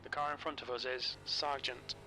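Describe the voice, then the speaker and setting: A man's voice: mid-range voice, level tone, moderate pace. A man acting as race spotter, giving terse, clipped pit radio calls about fuel, position and traffic. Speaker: race spotter and crew chief. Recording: loud racing engine noise behind. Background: race car engine and track noise.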